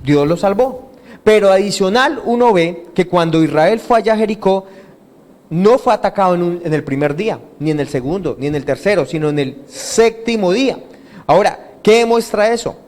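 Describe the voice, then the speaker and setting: High-voiced pastor quizzing his flock. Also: animated, moderate pace, a little mellow. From Colombia. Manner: asks the congregation questions and has them repeat answers. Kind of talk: interactive sermon. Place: church hall.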